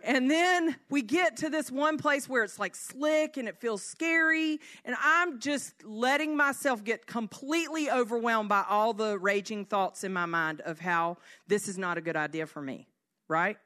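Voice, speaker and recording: A middle-aged woman, giving a conversational sermon as an animated storyteller who often asks "right?". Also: a little high, unhurried. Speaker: speaker at a church service.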